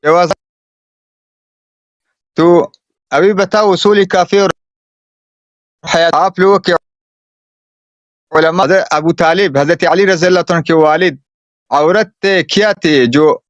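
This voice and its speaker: Male caller, insistent debater, raised pitch, heard over a call that keeps cutting out. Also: pauses often, no echo, dull audio. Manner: insistent, argumentative, quotes sources. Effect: internet call audio cutting out and dropping.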